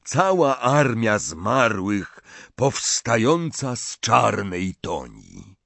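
A male audiobook narrator with a measured, unhurried pace and a voice that moves expressively up and down. His pitch sits in the middle for a man. The recording is dry and close to the mic. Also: expressive, dry recording.

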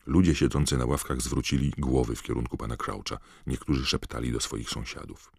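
A man narrating an audiobook with measured, even storytelling. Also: extremely low pitch, gravelly, slightly rough, no echo, studio quality. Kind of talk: scripted narration.

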